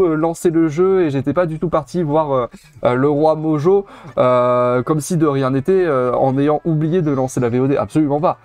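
A man's voice: on the high side, darkish tone. Chatty man streaming a video game. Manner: chatty, repeats words, many fillers. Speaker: let's play streamer. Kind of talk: casual gameplay commentary.

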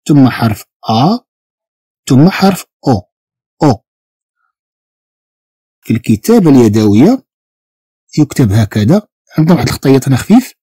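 A man's voice: mid-range voice, warm tone, slightly rough, no room sound. A man with a Moroccan Arabic accent teaching a beginner language lesson, patiently repeating each sound and spelling letters out.

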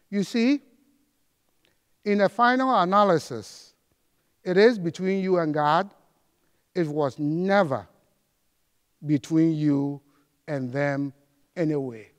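A middle-aged man giving a formal commencement address on an auditorium stage, reciting with slow, measured pauses. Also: fairly high pitch, expressive. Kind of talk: formal ceremonial speech. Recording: long hall reverb.

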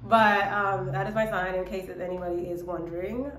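A young adult vlogger, model and actress, born in Ethiopia to South Sudanese parents and raised in Minnesota, United States, talks reflectively and casually to camera in a small indoor room by a window. Her lowish voice is a bit bright, with fairly even intonation and a fairly quick pace, in an echoey room.

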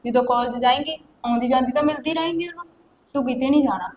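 A woman's voice: sits high, fast, darkish tone, close to an everyday voice. A woman playing a stern scolding sister-in-law. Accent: Punjabi. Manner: scolding, firm. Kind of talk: Punjabi web drama acting. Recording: echoey room, faint noise.

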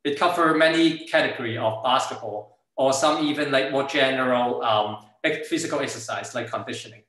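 A startup founder with a Hong Kong accent, whose native language is Cantonese, gives an informal slide presentation with a product demo. His bright, sharp voice sits at an ordinary pitch and moves fairly quickly. He's on a video call from a room with strong echo.

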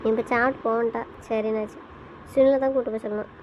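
A woman's voice: fairly high pitch, steady tone, quick pace, a little mellow, slight background noise. A woman chatting on a family phone call as a younger sister, explaining plans and answering her brother back. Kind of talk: casual family phone chat.

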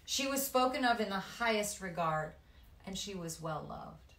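A woman reading a children's story aloud with expressive, dramatic delivery. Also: medium pitch, moderate pace, recorded from a distance. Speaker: guest storyteller. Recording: echoey room.

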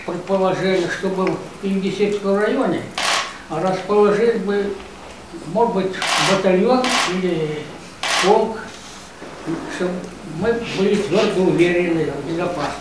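An elderly man in his nineties speaks at a high pitch, pausing and restarting as he hunts for words. He is picked up from a distance in a reverberant office, with a clear hiss of noise behind him. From Russia. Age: 90s. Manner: hesitant, halting, searching for words. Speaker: veteran visitor at a reception. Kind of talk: formal reception conversation. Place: office reception room, indoors. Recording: echoey office room from afar, noisy.

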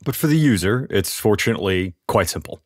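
Man, very deep voice, dry sound, quick jokes, podcast co-host. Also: lively intonation, no room sound. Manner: witty, quipping. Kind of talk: casual podcast chat.

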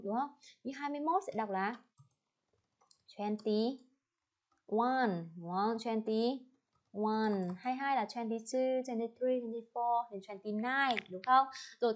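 A young woman teacher with a Vietnamese accent, drilling English numbers and addresses slowly and checking in with her pupils. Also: on the high side. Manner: slow, clearly spelled-out English words, checks in with the class. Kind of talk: classroom lesson with drills.

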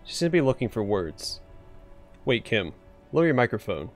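A man's voice: medium pitch, very animated, moderate pace, faint music behind. A man reading video game dialogue and narration aloud in a casual, tentative manner. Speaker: let's player reading the game's dialogue aloud.

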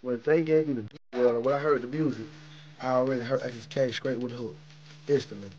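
A man's voice: medium pitch, fairly even intonation, brisk, lo-fi sound, very noisy. A young man, a rapper, chatting casually on camera indoors. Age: young adult. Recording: music over handheld home-video audio. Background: music.

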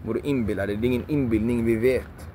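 A man's voice: medium pitch, mellow. Guy ranting outdoors, repeats himself a lot, preachy and emphatic, bit of traffic noise. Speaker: video creator. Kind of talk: passionate motivational monologue.

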